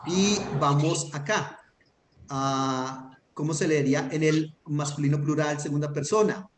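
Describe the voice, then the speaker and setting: A man's voice: on the high side, fairly even intonation, measured pace. Patient, methodical male teacher. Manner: patient, methodical, checks understanding often. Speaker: Hebrew teacher. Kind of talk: online grammar lesson. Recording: echoey room with faint noise.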